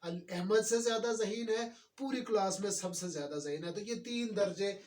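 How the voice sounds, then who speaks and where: A man teaching a grammar lesson, explaining slowly and repeating words. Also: sits high, darkish tone, distant mic, a little hiss or hum.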